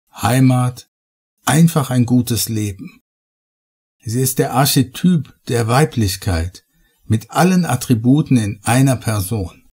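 A man's voice: on the low side, warm tone, slightly rough. A man voicing an obsessive male archaeologist in a horror audiobook, speaking fervently and worshipfully.

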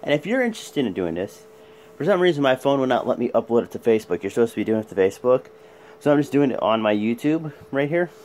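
Casual male vlogger with swinging pitch. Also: big pitch swings, quick pace, a little mellow. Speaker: vlog host. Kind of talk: casual chat to camera. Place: small bedroom at home. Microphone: phone at arm's length. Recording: noisy phone recording in a room.

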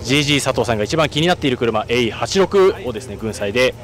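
A man's voice: mid-range voice, animated, racing, noisy background. A young man presenting in polite, formal speech as interviewer, recorded outdoors on a handheld mic. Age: young adult. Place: outdoors in a car park.

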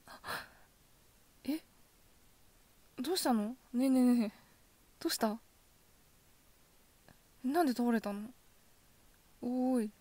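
A woman plays a possessive yandere girlfriend in an ASMR-style ASMR role-play. Her voice is soft and slightly high, with unhurried, lingering delivery. She sounds sugary and coaxing, with a cold, controlling threat underneath. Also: no room sound. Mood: feigned concern. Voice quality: soft, often dropping in a soft voice.

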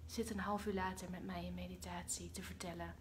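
A Dutch woman hosting a casual spiritual livestream, expressive, with loud outbursts and soft whispers, mixing in English phrases. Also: on the low side, brisk, a little hiss or hum. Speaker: livestream host.

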